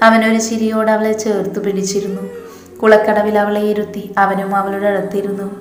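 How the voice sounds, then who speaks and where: A woman narrating a romance story in a steady, even reading manner, in an echoey room. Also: medium pitch, brisk.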